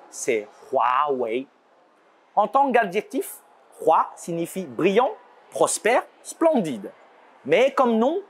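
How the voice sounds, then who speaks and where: A man presents a scripted educational segment in a slightly high voice. His pitch swings widely as he explains, and he slips in playful asides. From China. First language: Chinese. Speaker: show host.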